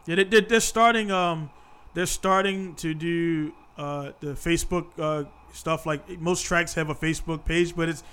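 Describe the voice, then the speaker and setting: A man's voice: fairly high pitch, steady tone, measured pace, a bit bright, clean tone. Laid-back man hosting a podcast. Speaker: podcast host. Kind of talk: casual chat.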